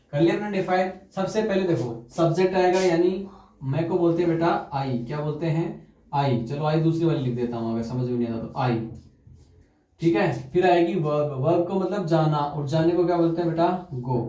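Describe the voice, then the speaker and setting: A man teaching English grammar, dictating example sentences slowly and quizzing students with repeated questions. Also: fairly high pitch, dark tone. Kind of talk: classroom grammar lesson. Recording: echoey room, far from mic.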